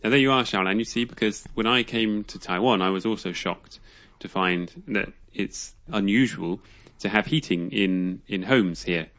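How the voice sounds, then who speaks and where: A man chats easily as a guest on a language lesson, with occasional small restarts. His voice is lowish, and the recording sounds a little muffled. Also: moderate pace, a bit bright. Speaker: guest learner. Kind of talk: casual chat.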